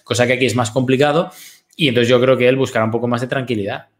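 A man's voice: medium pitch, steady tone, fast. Rambling Spanish-accented man telling stories. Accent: Spain Spanish. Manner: rambling anecdotal storyteller, casually profane. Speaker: guest commentator. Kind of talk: casual chat.

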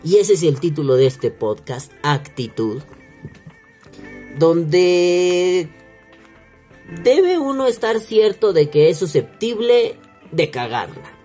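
This vaping podcast host, speaking Mexican Spanish, rants casually in a crude, slangy, mocking way, imitating the people he quotes and swearing freely. His fairly high voice is sing-song and mellow, slow-paced with long pauses, with soft music underneath and a single home mic.

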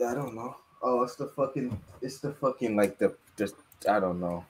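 A man of about nineteen joining a podcast over a laggy call, playful with quick comebacks. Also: medium pitch. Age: late teens. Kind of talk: casual podcast banter. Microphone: remote call with a laggy connection. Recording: noisy lagging call line.

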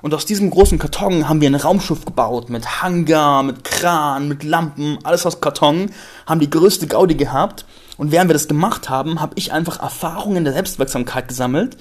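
Podcast host, male, slightly high voice; candid, emphatic monologue with casual swearing. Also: fairly quick. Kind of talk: personal storytelling monologue.

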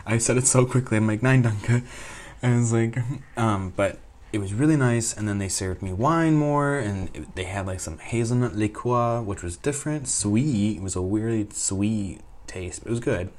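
A man chatting casually to the audience, telling an animated story and laughing often. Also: lowish voice, moderate pace. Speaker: vlogger recounting a trip.

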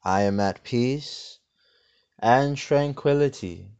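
A man giving a deadpan parody of a guided meditation in a slow, calm, soothing voice. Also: medium pitch, smooth, lo-fi sound. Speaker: host of a parody meditation video.

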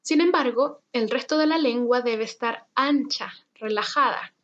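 Slow, careful Chilean woman teaching. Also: on the high side, lo-fi sound. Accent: Chilean Spanish. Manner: slow, carefully articulated repetition of words. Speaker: Spanish teacher. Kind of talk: pronunciation lesson.

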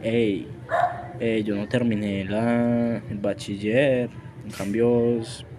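A man's voice: lowish voice, level tone, takes it slowly, background noise. A man in his late teens with a Colombian accent, trading crude, slangy jokes in casual banter.

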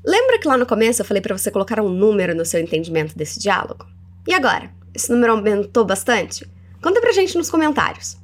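A woman with a Brazilian Portuguese accent hosting a language lesson podcast. She is encouraging and slows down to model English words for the listener to repeat. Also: mid-range voice. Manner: animated and encouraging, models words slowly for repetition. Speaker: English teacher and podcast host.

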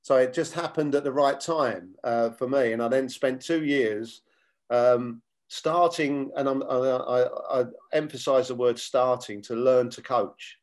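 A man in his sixties, a former footballer and coach, telling his story as a guest in a measured way, retelling old conversations. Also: mid-range voice, steady tone, a little mellow. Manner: measured, many fillers and restarts, retells dialogue. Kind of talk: reflective interview storytelling.

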